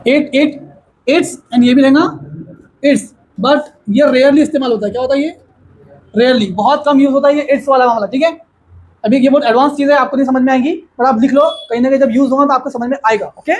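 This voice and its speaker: A man teaching a grammar lesson to a classroom of students, explaining slowly and asking them questions again and again. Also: extremely high pitch, darkish tone, poor audio.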